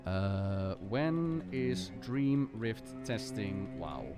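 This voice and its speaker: A man giving casual live gaming commentary as a streamer, thinking aloud in a halting way with repeated words. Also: lowish voice, animated, over music. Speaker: game streamer.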